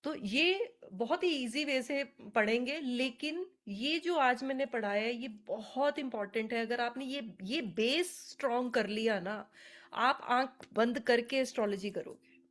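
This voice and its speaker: A woman's voice: fairly high pitch, measured pace. A woman teaching astrology on a live webinar, chatty and earnest, speaking to attendees by name over a video call.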